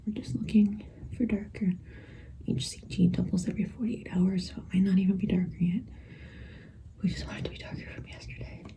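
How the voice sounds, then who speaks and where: A woman's voice: mid-range voice, steady tone, a little fast, gravelly, dark tone, rough recording. A young adult woman whispering a personal vlog, tearful and nervous. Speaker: vlogger filming a pregnancy test. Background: guitar music.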